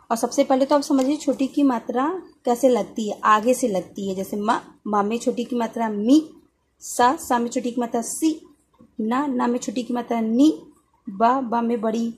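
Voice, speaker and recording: A woman teaching young children, slowly repeating each syllable for them to echo. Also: on the high side, a little mellow, slightly rough.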